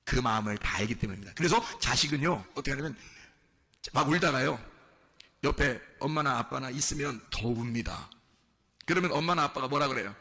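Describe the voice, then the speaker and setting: A male pastor preaching a sermon and leading a shouted healing prayer with fervent intensity. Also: medium pitch, lively intonation, brisk. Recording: loud music behind the voice. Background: loud church music.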